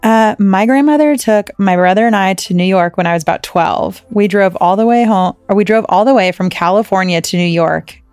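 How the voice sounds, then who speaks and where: A woman's voice: mid-range voice, a little fast, hardly any pauses, darkish tone, dry recording, soft background music. A woman co-hosting a podcast, telling stories in casual chat with lots of "like" and free swearing. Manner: chatty storyteller, swears freely, lots of "like". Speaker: podcast co-host.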